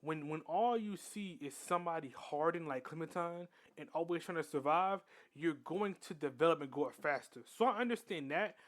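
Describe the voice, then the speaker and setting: A man's voice: fairly high pitch, moderate pace, few pauses, fairly bright tone. A young man hosting a reaction video, chatting casually and often restarting his sentences. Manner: chatty, restarts often, keeps saying "bro".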